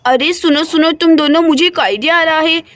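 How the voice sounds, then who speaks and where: A woman's voice: high voice, a little fast, close to an everyday voice. Woman voicing a sneaky scheming girl. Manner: conspiratorial, hushed plotting. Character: scheming cheeky young girl.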